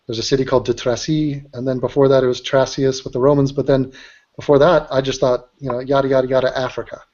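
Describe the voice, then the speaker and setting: A man's voice: medium pitch, little pitch movement, fast, a little mellow. A man hosting a casual chat, joking and teasing his guests. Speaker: host. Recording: dull lo-fi audio.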